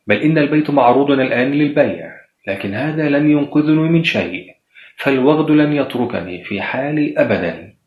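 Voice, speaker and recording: A man's voice: medium pitch, dull audio, close to an everyday voice. A man voicing a frightened young widow who pleads with a doctor, in a horror story reading. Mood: indignant. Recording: roomy echo.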